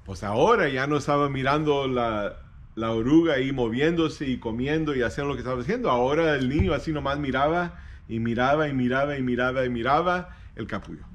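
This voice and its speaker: A man, a pastor telling a devotional story, halting and repeating words and slipping into English phrases. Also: medium pitch.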